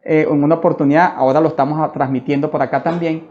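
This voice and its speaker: A man's voice: a little high, steady tone, fast talker, muffled recording. A man preaching a testimony sermon in a fervent way, often addressing listeners as brother.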